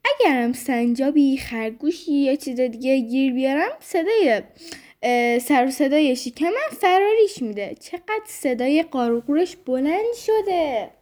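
A woman doing a chubby hungry male fox, high and whiny. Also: lively intonation, a little mellow. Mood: complaining. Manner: whiny, exclaiming, talks to his own belly. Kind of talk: children's bedtime storybook voice acting.

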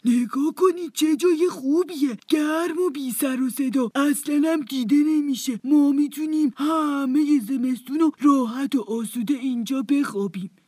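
A woman's voice: high-pitched, hardly any pauses, mellow, no room sound, voice pushed up, lightly acted. Woman doing a lazy, proud fat father mouse. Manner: lazy, drawling, yawning.

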